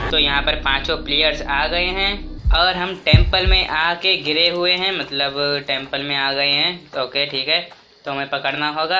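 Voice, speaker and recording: A man giving casual, jokey gameplay commentary as a gaming YouTuber, talking excitedly to his viewers. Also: a little high, a little hiss or hum. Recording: game music clearly behind voice.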